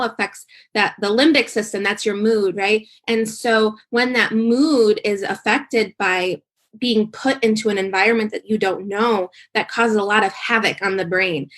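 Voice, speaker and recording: A woman's voice: medium pitch, a bit bright. A woman working as an occupational therapist, answering interview questions in an explanatory way with frequent fillers. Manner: explanatory, many um fillers, fast bursts.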